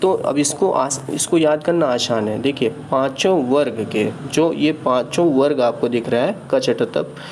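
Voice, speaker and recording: A man's voice: mid-range voice, unhurried, few pauses, darkish tone, a little hiss or hum. A man teaching Hindi grammar in an online exam-prep lesson. He explains each point patiently and keeps checking in with "ठीक है".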